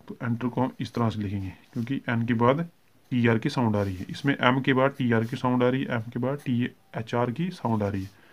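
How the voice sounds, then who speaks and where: A man's voice: mid-range voice, muffled recording. A man with a Hindi accent teaching a shorthand lesson, explaining steadily, checking in often and correcting himself, mixing English terms into his Hindi. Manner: steady explaining, frequent "ठीक है" check-ins and self-corrections. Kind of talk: classroom lesson explaining strokes.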